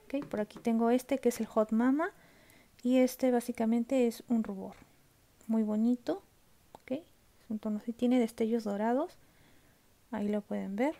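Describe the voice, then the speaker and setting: A woman's voice: fairly high pitch, measured pace, pauses often, dark tone. A woman vlogging casually from home, showing her makeup collection, chatty and often checking in with her viewers, sometimes dropping to a whisper. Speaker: beauty vlogger. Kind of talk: casual product show-and-tell.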